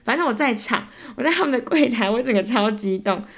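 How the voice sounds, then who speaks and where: Her voice a little high with a breathy edge, a young woman with a Taiwanese Mandarin accent hosts a solo podcast at a fairly quick, animated clip. She rants through stories, acting out both sides of arguments as she turns heated and exasperated.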